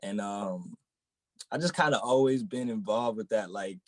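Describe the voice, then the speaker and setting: A young man from the Boston area, a rapper in a relaxed interview, who keeps filling his talk with "you know what I'm saying.". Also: on the low side, normal speed, no echo. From Boston area, United States. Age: young adult. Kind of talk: casual interview chat.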